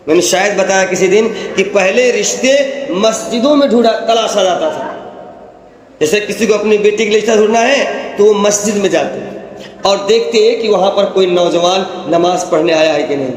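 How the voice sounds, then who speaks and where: A man preacher giving a storytelling sermon in a conversational way, often asking the audience questions, recorded in a large echoey hall. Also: sits high. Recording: echoey hall with long reverb.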